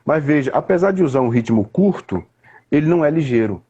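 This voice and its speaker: Um homem com sotaque brasileiro explicando poesia numa conversa informal, em tom didático e sem pressa. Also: male voice, on the high side, animated, dark tone, husky, highs cut off. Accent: Brazilian. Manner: didactic, unhurried, with frequent restarts and "né?" tags. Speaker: poet explaining literature. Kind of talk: casual conversation.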